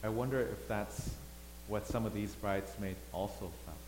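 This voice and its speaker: A man who grew up in Thailand, preaching a sermon as pastor, swinging between loud emphasis and quiet asides. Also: fairly low pitch, moderate pace. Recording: echoey hall, faint hum.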